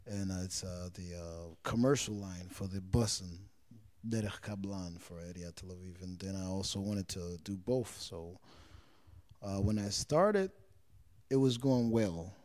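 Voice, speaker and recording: A low-pitched man in his thirties, born and raised in Israel, talks earnestly about his life as a street singer. He gropes for words and circles back over phrases. He speaks into a handheld mic held close in a small living room. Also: unhurried, darkish tone. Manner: earnest, searching for words, repeats himself. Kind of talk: interview answers. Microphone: handheld interviewer mic.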